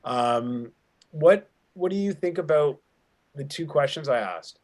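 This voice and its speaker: A man's voice: a little high, animated, unhurried, darkish tone. A man hosting an online panel discussion as an acting program director, speaking thoughtfully and restarting sentences as he forms his questions. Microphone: video call.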